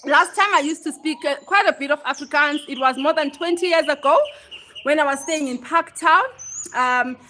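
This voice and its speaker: A woman's voice: high voice, moderate pace, pushed and bright, a little hiss or hum. A South African woman hosting a casual livestream chat outdoors at home, greeting viewers by name and laughing often. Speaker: livestream host.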